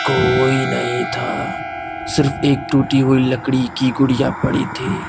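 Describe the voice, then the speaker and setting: A man narrating a scripted horror story in slow, steady, suspenseful storytelling. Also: mid-range voice, creaky. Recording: music underneath.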